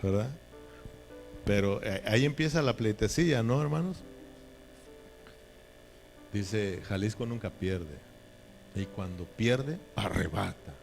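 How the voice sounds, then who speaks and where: Folksy low-voiced preacher. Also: male voice, slow pace, vocal fry, long pauses, faint music behind. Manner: folksy, joking, asks ¿verdad? often. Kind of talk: sermon. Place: church.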